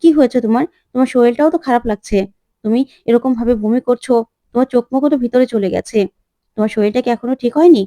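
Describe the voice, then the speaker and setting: A woman's voice: fairly high pitch, fast, warm tone, no echo, lightly acted. A woman voicing a nosy, prying young married woman in a retold TV serial, asking pushy, coaxing questions.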